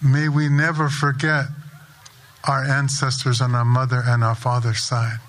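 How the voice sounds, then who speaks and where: A man leading a sunrise ceremony outdoors, giving a spoken blessing in a slow, measured, invocational way. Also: medium pitch, completely flat delivery, a bit bright. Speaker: ceremony prayer leader.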